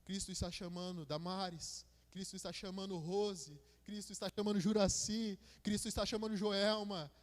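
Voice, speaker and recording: A man's voice: steady tone, normal speed, few pauses. A man preaching a sermon as a minister, with a Brazilian Portuguese accent, building to fervent passages and calling listeners "my brother". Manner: rising to fervent, high-pitched preaching. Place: church hall. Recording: long church-hall reverb.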